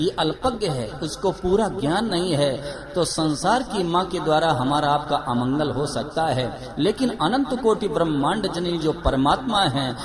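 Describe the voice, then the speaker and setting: Male preacher, emphatic and repetitive, fairly high voice, live gathering recording with a crowd audible. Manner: emphatic, repeats key phrases. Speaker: religious storyteller. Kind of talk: devotional sermon with story. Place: live gathering before an audience.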